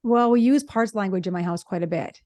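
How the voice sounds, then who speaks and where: A middle-aged woman, a relationship psychologist, talking fast and telling animated stories in a casual conversation. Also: mid-range voice, no room sound, studio quality. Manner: fast talker, animated storytelling. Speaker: podcast co-host, relationship psychologist.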